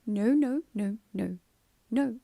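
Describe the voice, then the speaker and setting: Speaking slowly in a slightly high, creaky, dark-toned voice, a woman streams live and talks easily with her audience, recorded dry. Her manner is soothing, chatty, and playful as she responds to comments, though she firmly says no again and again.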